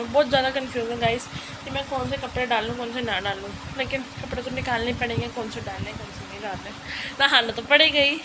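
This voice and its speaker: Young woman w a cold, high voice, chatty home vlog on a phone, loud rain going behind her. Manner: chatty, rambling, repeats herself. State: has a cold, sore throat. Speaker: vlogger. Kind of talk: casual home vlog chat. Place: at home, indoors and on a terrace in rain. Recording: rain noise in background.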